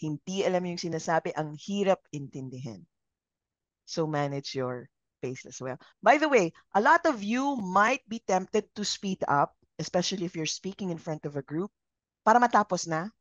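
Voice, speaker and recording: Middle-aged Filipino woman, corporate facilitator; lowish, modulated, steady delivery, questions the room often. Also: dry recording, highs cut off. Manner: uses a modulated, measured trainer voice; interactive, asks learners questions. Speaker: communication trainer. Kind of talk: live training session, mixing English and Filipino.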